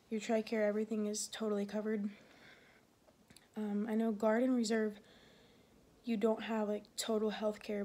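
Young woman, twenties, slightly high, warm flat delivery, rambling vlog chat, short of breath. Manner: rambling, many fillers like "like" and "um". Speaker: Air Force security forces member.

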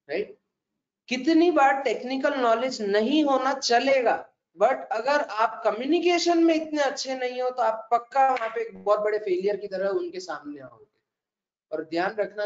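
A man's voice: high voice, slight background noise. Indian guy teaching a class, hindi-english mix, jokey, quizzing students, echoey room, dull muffled sound. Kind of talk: interactive classroom lecture.

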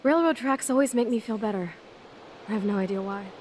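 A woman's voice: a little high, a little fast, a crowd in the background, lightly acted. An actress voicing a rebellious young punk woman in a video game, brash and sarcastic. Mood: nostalgic. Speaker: game character.

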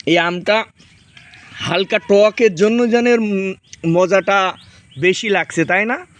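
Slow and fairly bright, this high male voice belongs to a farming vlogger from Bangladesh in his thirties. He chats in a garden, demonstrating fruit and telling his children what to do.

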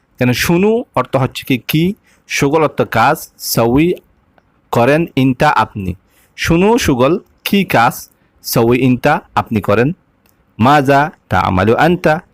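A man gives a language lesson in a steady middle voice, saying each phrase twice and then slowly breaking it into single words. The recording is dry and close, with no room sound. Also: mid-range voice, dry recording. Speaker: Arabic teacher.

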